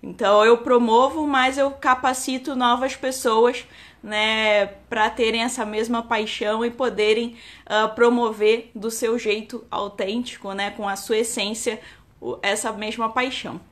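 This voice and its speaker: A woman's voice: fairly high pitch, fairly even intonation, a little slow, fairly bright tone. Chatty Carioca woman enologist on a live stream. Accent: Carioca Brazilian Portuguese. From Rio de Janeiro, Brazil. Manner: chatty, many "né" and "tá" fillers, restarts. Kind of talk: casual live-stream talk.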